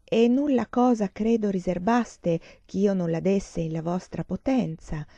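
A woman reading the lines of a gentle, absent-minded older male professor in a mild, distracted way, in her own voice. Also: medium pitch, a little slow, vocal fry, dry recording, lo-fi sound. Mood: musing.

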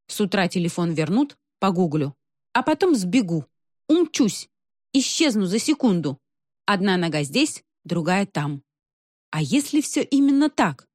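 A woman reading a first-person story aloud in an ironic, expressive manner. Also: mid-range voice, measured pace, no room sound, studio quality. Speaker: narrator.

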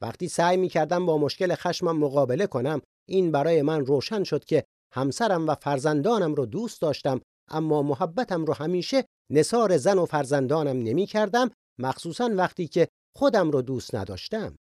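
A man's voice: on the high side, expressive, a little mellow, dry recording, studio quality. A man giving an earnest, reflective Bible lesson in sermon style, sharing personal stories. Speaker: Bible teacher.

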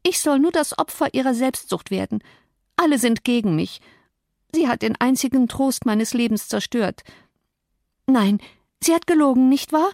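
A woman narrator plays a naive, easily wounded young lady in an audiobook. Her lines rise high and reproachful. The recording is dry and close. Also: darkish tone, no room sound.

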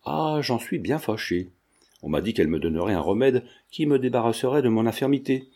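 A man reading the part of a sly old man who pretends to be deaf and talks in a lowered, scheming way. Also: lively intonation, a little fast, dark tone. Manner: lowered, conspiratorial speech.

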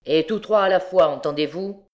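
A woman's voice: lowish voice, moderate pace, close to an everyday voice. A woman voicing a brutal, mocking male king of thieves in an audiobook, bellowing his commands. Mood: commanding.

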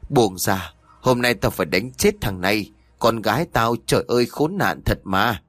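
A man's voice: lowish voice, lively intonation, moderate pace, a bit bright, no echo. A man reading the lines of an old village father who scolds and pleads with remorse. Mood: angry.

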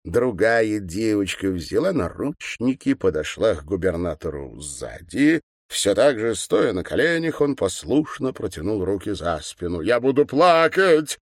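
A man reads an audiobook with theatrical expression. His voice is low, and his intonation swings widely through each sentence. The recording is close and dry, with no room sound. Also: big pitch swings, measured pace, dry recording. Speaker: audiobook narrator.

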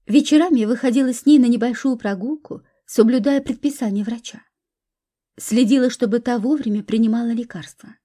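Woman, audiobook narrator, calm measured reading, husky, fairly high voice.

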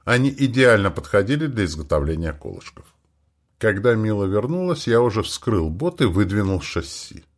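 Low-voiced man narrating lively sci-fi audiobook. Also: moderate pace. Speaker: audiobook reader. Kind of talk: first-person science fiction audiobook narration.

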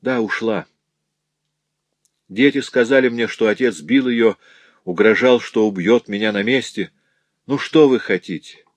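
A man's voice: fairly low pitch, a little slow, pauses often, dry recording. A man voicing a poor, grieving woman who tells of her husband's cruelty in a sorrowful, pleading way.

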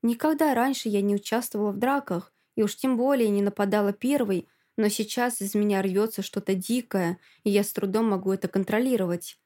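A woman narrating a first-person story in an expressive audiobook reading. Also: mid-range voice, brisk, few pauses.

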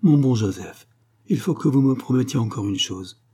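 A man's voice: mid-range voice, animated, normal speed, mellow, breathy edge. A man reading a novel aloud and voicing a fervent, pleading young pregnant woman. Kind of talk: audiobook reading.

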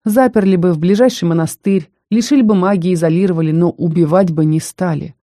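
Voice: mid-range voice, warm tone, dry recording, clean studio sound, close to an everyday voice. A narrator voicing a cold, stern young mage. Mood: somber. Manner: cold, firm, measured. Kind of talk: audiobook character reading.

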